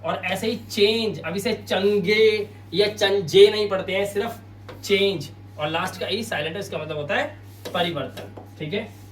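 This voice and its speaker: A man's voice: sits high, normal speed, a bit bright, distant mic. A man teaching an English lesson in Hindi at a board, patiently repeating each word and quizzing his listeners. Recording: roomy sound, mic set back, faint hum.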